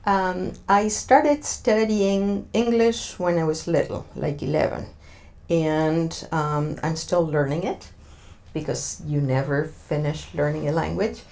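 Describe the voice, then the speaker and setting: Slow, thoughtful Argentine woman. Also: low voice, gravelly, darkish tone. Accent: Argentine Spanish. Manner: thoughtful, many filler sounds, searching for words. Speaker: interview guest. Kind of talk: interview answers.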